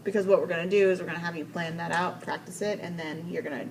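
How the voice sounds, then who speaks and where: A woman's voice: on the low side, steady tone, fast talker, a little hiss or hum, poor audio. A woman working as an instructional coach. She talks through a lesson with a teacher one-on-one, giving direct instructions, filling her speech with "like" and affirming with "mm-hmm".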